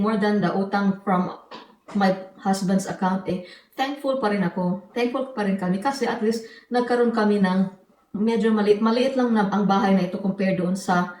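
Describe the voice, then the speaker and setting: A woman's voice: mid-range voice, a little mellow. A middle-aged woman from the Philippines, chatting and joking in a casual home vlog as she shows her new house. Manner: chatty, joking, mixes Tagalog and English. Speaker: vlogger. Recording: echoey room.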